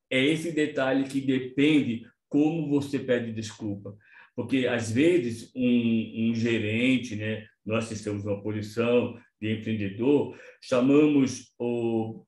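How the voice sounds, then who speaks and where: A Brazilian man telling a personal story in an online meeting, acting out the dialogue with big swings in his voice. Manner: animated, acts out dialogue with big pitch jumps. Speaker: meeting participant, entrepreneur. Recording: echoey room.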